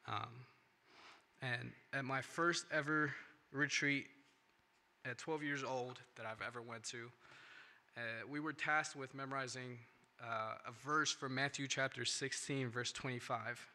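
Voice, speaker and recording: At church, a young man from India delivers his personal testimony into a handheld or stand microphone, his bright voice medium in pitch, steady in tone, and measured in pace. He is not a native English speaker. His earnest talk wanders, with restarts and frequent "right?" tags.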